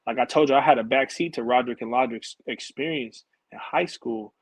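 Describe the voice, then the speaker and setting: Husky guy, chatty slangy storyteller, dry close sound. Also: mid-range voice, brisk, no room sound, poor audio. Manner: animated, slangy storytelling, acts out his own past conversations. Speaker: interview guest, former college and pro basketball player. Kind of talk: casual storytelling interview.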